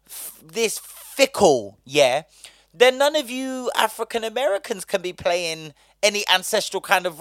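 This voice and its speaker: A man's voice: high-pitched, fairly bright tone, no room sound, studio quality. A man hosting a podcast, talking in a casual, heated and profane monologue. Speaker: podcast host.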